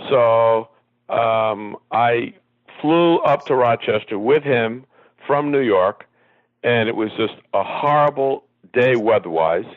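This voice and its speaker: A man being interviewed as a guest, telling long rambling anecdotes with many pauses and ums. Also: mid-range voice, dry recording. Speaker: guest, former soccer executive. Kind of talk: reminiscing interview storytelling. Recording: tinny phone line.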